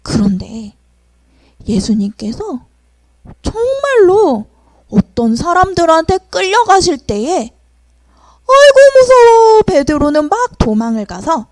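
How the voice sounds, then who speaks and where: A young adult woman preaching to children, telling a story in an animated, sing-song way and speaking to the children directly. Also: high voice, no room sound.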